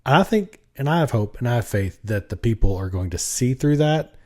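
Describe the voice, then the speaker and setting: A man's voice: mid-range voice, lively intonation, moderate pace, mellow. A man from the United States co-hosting a casual political chat podcast, opinionated and laughing between his points. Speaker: podcast co-host.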